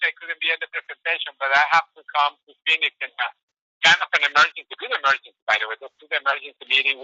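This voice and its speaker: A man calling in over a speakerphone, giving a casual, halting message with many filler sounds. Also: medium pitch, pushed and bright, no echo, highs cut off. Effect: heard over a speakerphone. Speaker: network marketing leader calling in.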